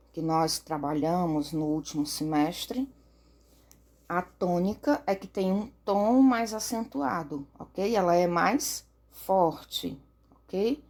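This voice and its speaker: A woman's voice: fairly low pitch, darkish tone. A woman teacher gives a recorded lesson for children, patient, often checking in and stretching words out.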